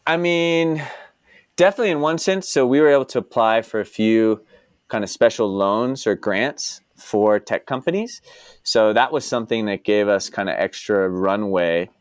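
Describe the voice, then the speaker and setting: A young man from Dallas, United States, rambles as a podcast guest in a casual interview, sprinkling his talk with "like" and "you know." His voice is on the low side, clear and resonant, captured in a dry, studio-quality recording.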